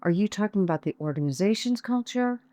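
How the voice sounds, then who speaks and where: In an interview conversation, a podcast host reflects on the guest's points and sums them up in a reflective, affirming way. The voice is medium-pitched with a dark tone, animated and quick, with no echo.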